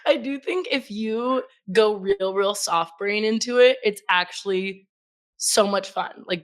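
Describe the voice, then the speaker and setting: A woman co-hosting a podcast in casual chat, gushing and animated, laughing often. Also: medium pitch. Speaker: podcast co-host.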